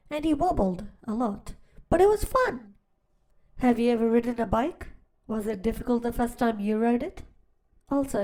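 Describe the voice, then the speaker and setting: A woman hosting a storytime channel reads a picture book aloud, pausing for gentle, teacher-like questions to young listeners. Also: fairly high pitch. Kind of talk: children's read-aloud storytelling.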